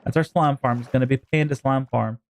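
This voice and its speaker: Speaking a little fast with fairly even intonation and a mid-range voice, a man with a Texas accent livestreams a game. He wanders from topic to topic, jokes around, and addresses his chat as he plays.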